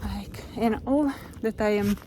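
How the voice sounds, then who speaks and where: Speaking to the camera she holds on a nature walk, a vlogger with a Slovenian accent gives a gentle, reflective motivational monologue in English, her second language, sometimes searching for words. Her voice is medium-pitched and unhurried, with background noise.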